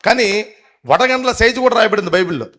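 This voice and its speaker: A man preaching a live sermon to a congregation, questioning the crowd, urging loud replies and rising to emphatic, drawn-out peaks. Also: sits high, expressive. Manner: rises to emphatic, drawn-out climaxes. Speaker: pastor. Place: church service before a congregation.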